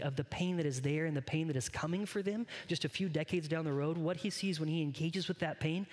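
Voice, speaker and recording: This fairly high-pitched male pastor sounds like he is in a big room as he gives an earnest, conversational sermon. Again and again he addresses the people in front of him directly.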